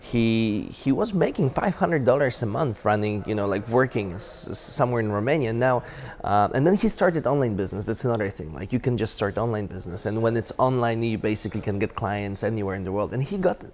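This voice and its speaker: A man's voice: fairly low pitch, expressive, a little fast, a little mellow. Enthusiastic man vlogging. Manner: enthusiastic, repetitive restarts, non-native phrasing. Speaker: business vlogger. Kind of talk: casual to-camera advice talk.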